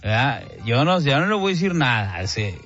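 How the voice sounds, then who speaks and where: A rowdy Mexican man hosting a radio show, his pitch swinging high and low as he jokes. The sound is dull and lo-fi, with soft music underneath. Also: big pitch swings, a little fast. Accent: Mexican Spanish. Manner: rowdy, joking, jumps into sung bits. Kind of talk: joking banter. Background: faint music.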